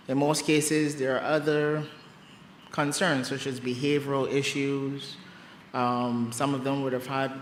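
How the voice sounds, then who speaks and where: A man presenting as a psychiatrist at a conference, speaking in a measured way with frequent hesitations. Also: medium pitch, slight background noise. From Barbados. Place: conference hall. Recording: roomy hall with faint background ambience.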